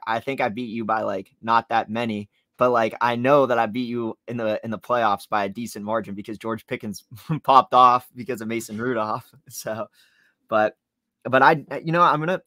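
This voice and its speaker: A man's voice: mid-range voice, bright, forceful tone, dry recording. A young man in his twenties co-hosting a sports podcast, rambling easygoing chat full of "like" and "you know". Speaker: podcast co-host.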